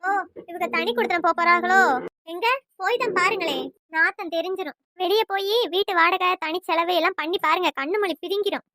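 A woman voicing a nagging, sharp-tongued middle-aged mother-in-law in a family cartoon. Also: fairly even intonation, a little fast, dry recording. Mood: scolding. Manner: nagging, taunting, shrill. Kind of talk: cartoon voice acting.

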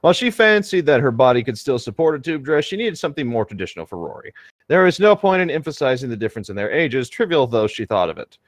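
A man's voice: medium pitch, sing-song, quick pace, no echo. A man chatting casually with friends and reading a story aloud.

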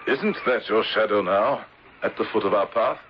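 An actor playing a deep-voiced gentleman narrator. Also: moderate pace, close to an everyday voice. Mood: courteous. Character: composed English gentleman narrator, resolute. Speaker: narrator and protagonist. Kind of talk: 1970s radio drama narration. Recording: hissy lo-fi vintage radio recording.

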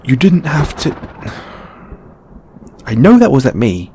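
A British man voices a shy, flustered lamia flatmate in an intimate audio roleplay, stammering, hesitating and sighing in a grumbling mood. His medium-pitched voice is husky and exaggerated, and he speaks unhurriedly.

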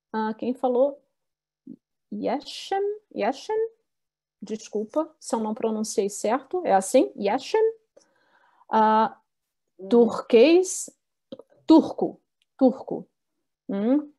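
A woman teaching a beginners' class online, speaking slowly and clearly, repeating words and reading out the answers her learners give. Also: on the high side, expressive, warm tone. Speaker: Portuguese teacher.

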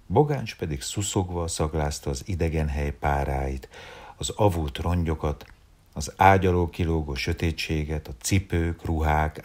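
A man, an actor, reading a story aloud in a calm, expressive way, at times dropping to a whisper. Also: rumbling low. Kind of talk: storybook read-aloud narration.

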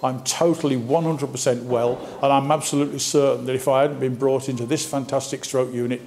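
A man's voice: mid-range voice, steady tone, brisk, darkish tone, a little hiss or hum. An older man giving an emphatic personal account to camera. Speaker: interviewee, town crier. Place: indoors in a hospital corridor. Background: music.

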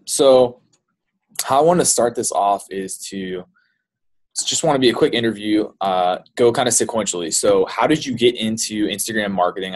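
A young man hosting a casual interview over a video call, relaxed and full of quick yeahs. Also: on the low side. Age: young adult. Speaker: interview host. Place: small room indoors. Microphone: studio mic and earphones.

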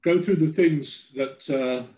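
An older man giving an informal, somewhat halting slide lecture over a video call from a room at home. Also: fairly high pitch, mellow, roomy sound. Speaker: guest lecturer.

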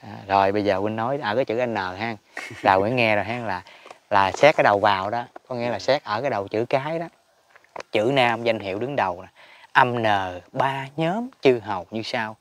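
A man's voice: lowish voice, brisk, a little hiss or hum. Chuckling man teaching dharma. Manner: chatty, chuckles often, emphatic swings in loudness. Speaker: spiritual teacher. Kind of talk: casual Buddhist teaching talk.

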